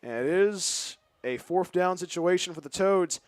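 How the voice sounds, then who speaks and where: Play-by-play caller, Californian man, high voice, close dry headset sound, chatty. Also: dry recording. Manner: fast, chatty, excitable call. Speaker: play-by-play announcer. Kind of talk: play-by-play commentary.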